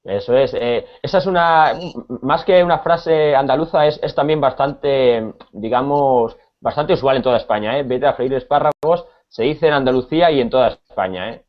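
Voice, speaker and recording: With a muffled recording and a medium-pitched voice, a Spanish-accented man from Spain teaches conversational Spanish. His speech is full of pauses, fillers, and repeated words.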